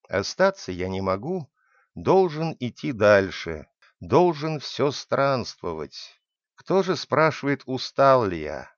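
A man's voice: medium pitch, sing-song, slow, dry recording. A man voicing a tall, gloomy old wanderer who speaks in a hollow, muffled way. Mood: weary.

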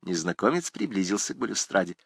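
A man narrating a literary novel with a dramatic, expressive delivery. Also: deep voice, fast, husky, no room sound. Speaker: audiobook narrator.

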